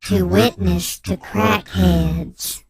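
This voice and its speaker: A performer playing an anonymous informant on a radio comedy bit, speaking through an electronically disguised voice with a slow, deadpan delivery. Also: mid-range voice, creaky, breathy edge, no echo, heavily acted. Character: anonymous tipster in hiding, deadpan and lurid.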